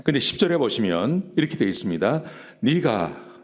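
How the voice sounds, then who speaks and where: A man as pastor, giving an early-morning sermon with measured delivery, drawn-out pauses and repeated phrases. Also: on the low side, big pitch swings, a little mellow.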